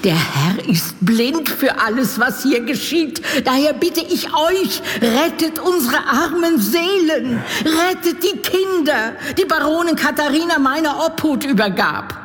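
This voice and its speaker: Slow, fearful castle nursemaid. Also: female voice, sits high, animated, a little hiss or hum. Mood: desperate pleading. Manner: imploring, solemn, archaic formal speech. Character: fearful, pleading old-fashioned castle nurse, devoted and superstitious. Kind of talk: gothic audio drama acting. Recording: long reverberant hall.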